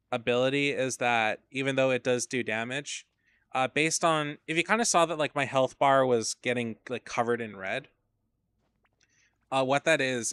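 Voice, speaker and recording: A man talks through his gameplay in loose, wandering commentary, with plenty of casual swearing. His voice has a bright, forward edge, and he sounds tired. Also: mid-range voice, clean tone. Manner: rambling, profane, drowsy asides. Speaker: game streamer.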